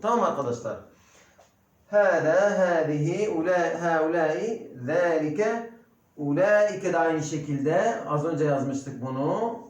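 Turkish-accented male language teacher, high voice, slow drill-style repetition, heavy room echo. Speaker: Arabic teacher. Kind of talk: recorded classroom lesson. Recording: very echoey room.

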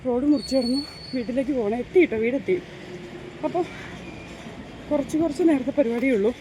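A woman's voice: sits high, quick pace, background noise. Chatty woman vlogging on the move. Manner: chatty, keeps addressing viewers with tag questions. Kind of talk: casual walking vlog. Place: outdoors walking along roads, then at home.

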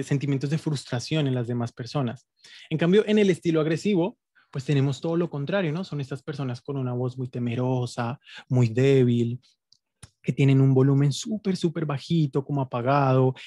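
A man's voice: mid-range voice, darkish tone, no room sound, studio quality. A man teaching an online workshop in a casual, explanatory way, using many fillers and tag questions. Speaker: guest teacher.

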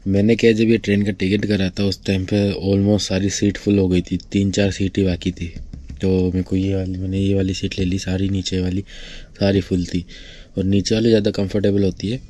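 Young male travel vlogger, low even voice, handheld camera on a train. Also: a little hiss or hum. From India. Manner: relaxed, chatty, talking to camera. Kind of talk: casual vlog narration. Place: sleeper compartment of a moving train. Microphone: handheld camera at arm's length.

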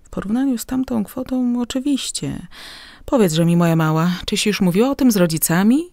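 A sly, worldly middle-aged uncle, read by a woman who talks down to his niece in smooth, patronizing tones. The voice is mellow and dark-toned, set in a dry, close audiobook recording. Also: medium pitch, animated, a little fast, no room sound, pitched above the performer's own voice, lightly acted. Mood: conspiratorial. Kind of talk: audiobook character reading.

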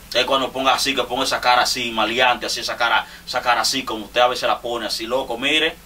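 A man's voice: mid-range voice, steady tone, fast, sharp tone, slight background noise. A man with a Dominican Spanish accent jokingly roasting fellow artists in a rambling, laughing monologue. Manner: teasing, rambling, laughs often. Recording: distant mic with faint ambience.

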